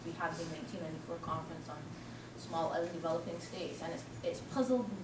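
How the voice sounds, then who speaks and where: A woman's voice: lowish voice, fast. A woman from Barbados with a Barbadian accent, asking a detailed question from the audience. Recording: echoey room, distant from mic, noisy.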